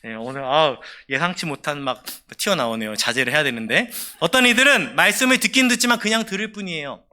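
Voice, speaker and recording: A man's voice: on the high side, animated, fast, bright, forceful tone. A man preaching a sermon as a pastor, with an emphatic delivery that rises and falls.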